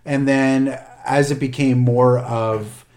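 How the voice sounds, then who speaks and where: A man co-hosting a casual chat, animated and joking, with many fillers and restarts. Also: medium pitch, slow pace. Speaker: podcast co-host.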